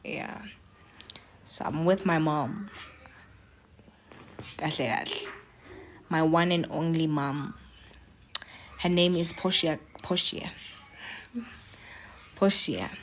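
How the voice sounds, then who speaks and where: A woman's voice: low voice, slow, long pauses, a little hiss or hum. A young South African woman chatting casually with viewers during a live stream from home, encouraging and mixing languages. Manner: chatty, switches between English and local languages, encouraging.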